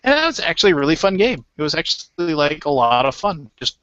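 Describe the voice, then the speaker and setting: A man co-hosting a casual board game webcast, rambling and excitable with lots of restarts. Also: a little high, quick pace, dry recording, lo-fi sound. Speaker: co-host. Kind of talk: casual chat.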